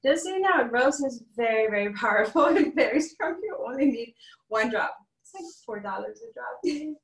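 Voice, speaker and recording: A woman's voice: high voice, expressive, moderate pace. Chatty woman, roomy distant sound. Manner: chatty, laughs often, upbeat. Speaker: essential oils class host. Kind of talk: hands-on demonstration with chat.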